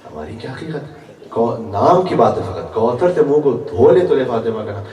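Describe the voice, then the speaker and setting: A man's voice: medium pitch, expressive, darkish tone. A male guest preacher delivering a religious sermon at a gathering, weaving chanted quotations into his explanations. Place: large hall at a religious gathering. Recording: echoey hall picked up from far off.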